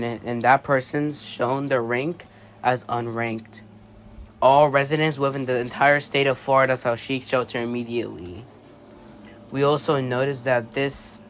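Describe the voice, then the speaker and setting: A man with a medium-pitched, slightly bright voice reads an amateur scripted mock emergency broadcast in announcer fashion, stumbling over words at times. As a video creator, he's narrating his own fictional alert scenario. Background noise is noticeable throughout.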